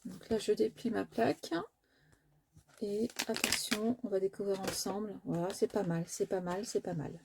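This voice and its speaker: A woman's voice: medium pitch, fairly even intonation, normal speed, vocal fry, heavy background noise. A woman hosting a crafting tutorial, talking casually and hesitantly with many filler sounds and self-corrections as she works. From France. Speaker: crafting video host.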